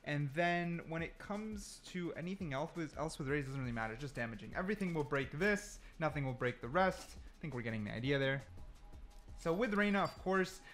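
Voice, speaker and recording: A gaming video creator gives casual, unscripted commentary on gameplay, thinking aloud and correcting himself informally. His fairly high, fairly bright voice is expressive and a little fast, with music playing in the background.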